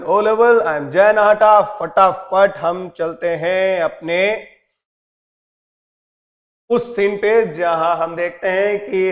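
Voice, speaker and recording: A man teaches a story lesson in an animated way. He reads passages of the text aloud, then explains them and acts out the characters' lines. His voice sits high. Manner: switches between reading English text and explaining.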